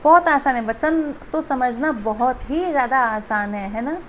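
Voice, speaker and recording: A woman's voice: high-pitched, a little slow, a little hiss or hum. A woman teacher patiently explaining a grammar lesson to children, speaking to them directly. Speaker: school teacher.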